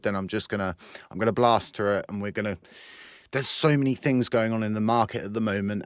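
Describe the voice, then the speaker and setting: A man hosting a crypto channel, talking casually to camera with a croaky, short-winded voice while recovering from surgery. He rambles, repeats himself and fills gaps, speaking from a studio booth. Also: on the low side, no room sound. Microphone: new microphone.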